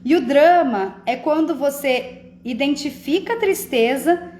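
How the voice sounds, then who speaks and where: A woman's voice: sits high, expressive, a little slow, darkish tone, echoey room. A woman hosting a live stream, talking casually about emotions and often checking that listeners follow. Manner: conversational, often asks "entende?".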